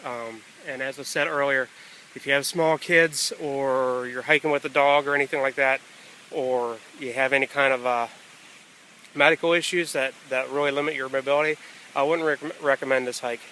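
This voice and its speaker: A man with a bright, forward voice talks casually to his camera on a hike. His delivery is halting and unscripted, with thoughts left hanging and picked up again. The sound is outdoor camera audio with faint ambient noise behind him. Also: mid-range voice, fairly even intonation, low-quality recording. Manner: halting, pausing mid-thought. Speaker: hiker filming a trail vlog. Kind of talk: casual unscripted vlog narration. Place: outdoors on a wooded rocky trail near a stream.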